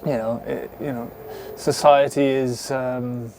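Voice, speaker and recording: Sitting in his camper van, a South Wales man in his thirties vlogs off the cuff, swearing freely and stumbling through ums and restarts. He speaks slowly in a flat, medium-pitched, slightly mellow voice, and there's slight background noise.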